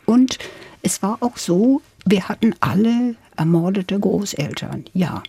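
Older lady guest on radio, gravelly low-warm voice, reflective, dry studio sound. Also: animated, no echo. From England. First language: English. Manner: reflective, measured storytelling. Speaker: guest, literary scholar. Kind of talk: radio interview conversation.

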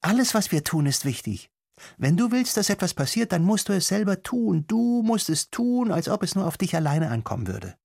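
A man doing a squeaky young mouse. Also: big pitch swings, normal speed, vocal fry, darkish tone, no room sound, clean studio sound, full character voice. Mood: eager. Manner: high, eager, pleading. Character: young quick cheeky little female mouse. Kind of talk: audiobook reading.

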